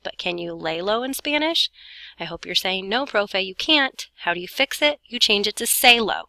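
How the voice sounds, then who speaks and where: A woman's voice: mid-range voice, animated, normal speed, gravelly, bright, forceful tone, dry recording. A woman teaching a grammar lesson step by step in an informal way, breathing heavily and short of breath as she talks. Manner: breathing heavily while talking; informal, talks students through each step, self-correcting. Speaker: Spanish teacher recording an explanation for students.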